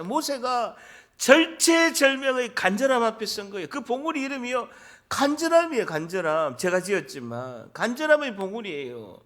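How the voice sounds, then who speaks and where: Male pastor, church sermon, bright sharp voice, very lively intonation, emphatic. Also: high voice. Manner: emphatic, rising to loud exhortation.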